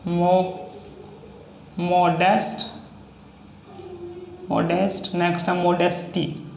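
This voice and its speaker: A man with a Hindi accent, a shorthand teacher, explaining a lesson and slowly spelling out example words one by one. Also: high voice, monotone, vocal fry, darkish tone. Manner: slow, repetitive, drawn-out spelling of example words. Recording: echoey room with faint noise.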